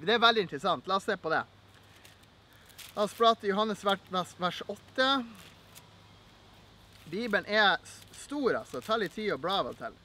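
A man's voice: high-pitched, bright, forceful tone, a little hiss or hum. A young man with a Norwegian accent giving an earnest, encouraging Bible teaching, reading scripture aloud. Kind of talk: devotional Bible teaching video.

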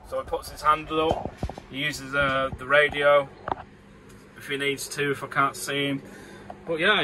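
A man's voice: on the high side, background noise. A man from Morecambe with a northern English accent, rambling casually as he talks through his work as a crane operator from inside the cab. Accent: northern English, Lancashire. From Morecambe, northern England. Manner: chatty and rambling, with easy chuckles. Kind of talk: casual vlog commentary. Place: inside a tower crane cab high above a site.

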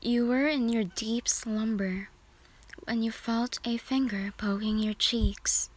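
A woman's voice: a little high, steady tone. A woman reading a fanfic aloud as a whispered role-play narration. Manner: soft, slow whispered narration. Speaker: fanfic reader.

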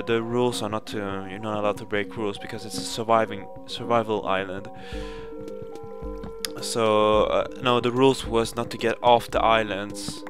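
A young man from Sweden with a Swedish accent, narrating a casual game playthrough with many fillers and self-corrections. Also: lowish voice. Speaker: gaming channel host. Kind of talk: casual Let's Play commentary. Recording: game music playing behind.

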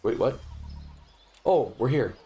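A man's voice: mid-range voice, lively intonation, slow pace, dark tone, slight background noise. Joking man streaming a game. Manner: joking, sarcastic asides while reading lore. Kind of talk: casual gameplay commentary.

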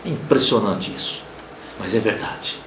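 A man preaching a televised sermon with a Brazilian accent, emphatic, swinging between loud declarations and soft murmurs and acting out the people he quotes. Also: on the low side, expressive, moderate pace, background noise. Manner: acts out quoted people in raised voices. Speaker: pastor. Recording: roomy with faint ambience.

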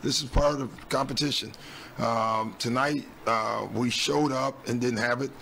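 A man's voice: medium pitch, fairly even intonation, measured pace, gravelly, pushed and bright, slight background noise. A man in his sixties, a head coach answering reporters at a postgame press conference on a desk mic, blunt and matter-of-fact with frequent ums. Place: team press room. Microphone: desk mic on stand.

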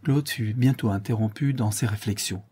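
A man narrates a classic literary audiobook with a husky, dark voice. He reads expressively and raises his pitch for quoted characters. The delivery stays steady and story-focused. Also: normal speed. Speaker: audiobook reader.

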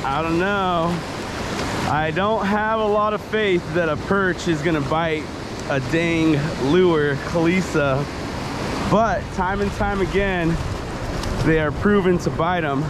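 A man vlogging while surf fishing, musing aloud in an unhurried, casual way. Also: a little high. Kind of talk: casual vlog narration. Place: ocean beach, wading in cold surf. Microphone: action camera held or worn. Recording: loud surf and wind noise.

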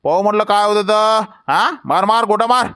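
A man's voice: high voice, moderate pace, sharp tone, clean tone, dry recording. A man playing a hot-headed village farmer. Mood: threatening. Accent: Varhadi Marathi. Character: hot-headed village farmer who kills his brother. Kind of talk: rural comedy skit acting.

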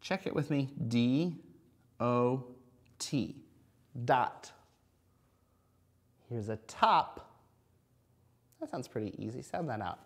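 Male kindergarten teacher, unhurried, simple encouraging delivery as if to a toddler, mid-range pitch. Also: lively intonation. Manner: speaks simply and encouragingly, as if to a small child; sounds out and spells words letter by letter. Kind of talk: phonics lesson addressed to young children. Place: indoors at an interactive whiteboard.

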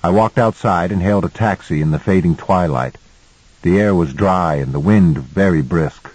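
A man narrating a novel in the first person as an audiobook, in a measured storytelling manner. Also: sits low, darkish tone, slightly rough, no echo, rough recording.

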